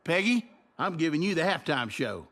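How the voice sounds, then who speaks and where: A fussy, officious school official from a cartoon. His voice is high and bright with lively swings. He sounds nervous and official at once. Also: moderate pace.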